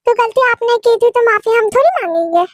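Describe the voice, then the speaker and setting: A woman's voice: very high voice, fairly quick, no echo. A woman voicing a stubborn young woman who sulks and refuses, speaking formally, in a fan-made audio drama. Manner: sulky, formal plural speech.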